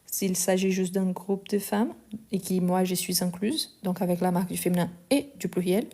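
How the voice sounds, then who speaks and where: Woman French teacher with a Lyon accent, live-stream grammar lesson, mellow and warm, deliberate and explanatory. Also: fairly low pitch, fairly even intonation. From France and Brazil. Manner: explanatory, repeats forms slowly, gets indignant answering critics.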